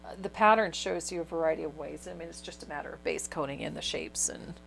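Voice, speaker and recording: A woman's voice: low-pitched, fast talker, creaky, fairly bright tone, a little hiss or hum. A chatty woman who laughs easily, teaching a painting tutorial. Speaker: painting instructor.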